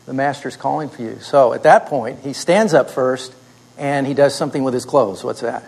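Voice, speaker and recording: A man's voice: mid-range voice, moderate pace, gravelly, darkish tone, slightly rough, low-quality recording. A man teaching a class. He walks the students through a story by putting questions to them and often answering them himself, in a plain mid-range voice. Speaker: instructor.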